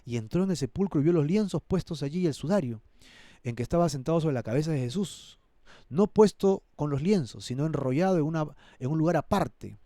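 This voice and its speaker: A man preaching a sermon in a dark, mellow voice that sits a little high for a man. He brings the scripture to life by acting it out and pleads earnestly with his listeners. The sound is close and dry. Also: lively intonation, a little fast, no room sound. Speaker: pastor. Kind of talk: expository sermon.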